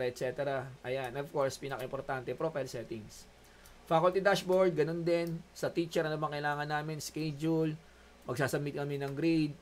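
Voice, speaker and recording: A college instructor with a Filipino accent delivers an online class lecture in a somewhat high voice, with a little hiss or hum in the background. He keeps it joking and chatty, switching between Tagalog and English in a Taglish teaching style.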